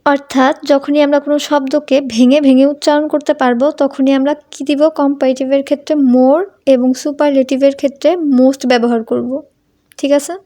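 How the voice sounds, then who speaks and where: Here a young woman's high voice carries a dark tone, with little pitch movement and a fairly quick pace. It's a Bengali grammar lesson on English in which she questions her students, answers for them, and uses the informal tumi.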